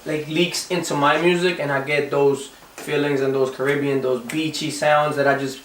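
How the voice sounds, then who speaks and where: A man's voice: fairly high pitch, flat delivery, normal speed, a bit bright, reverberant, far from the mic, slight background noise, poor audio. A young man from the Dominican Republic, a singer answering interview questions casually, often restarting and repeating words. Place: recording studio.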